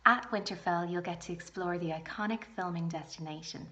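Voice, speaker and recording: A woman's voice: fairly low pitch, fairly quick, sharp tone. A woman with an Irish accent giving a promotional travel presentation as a host. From Ireland.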